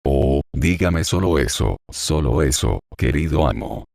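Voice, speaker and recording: A man's voice: extremely low pitch, animated, a little slow, gravelly, a little mellow, no room sound, studio quality, heavily acted. A man reading a loyal young servant, pleading. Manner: pleading, earnest. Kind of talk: audiobook reading.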